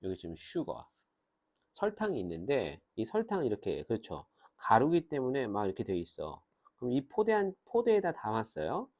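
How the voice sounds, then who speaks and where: A man teaching English grammar in a lively lecture, pausing to say English phrases slowly and clearly. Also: mid-range voice. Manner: animated, switches between Korean and slow, drawn-out English phrases.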